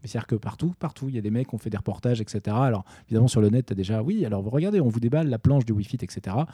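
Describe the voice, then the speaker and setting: A man co-hosting a podcast who talks very fast. His voice is husky and dark, and the sound is dry. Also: mid-range voice, expressive, no echo. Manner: rapid, joking. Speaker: podcast co-host. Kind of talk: casual group chat.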